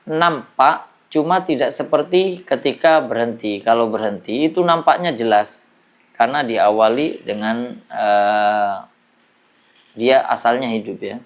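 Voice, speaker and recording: A man's voice: fairly low pitch, highs cut off. A man teaching a classroom lesson on Quran recitation, explaining patiently and drilling examples.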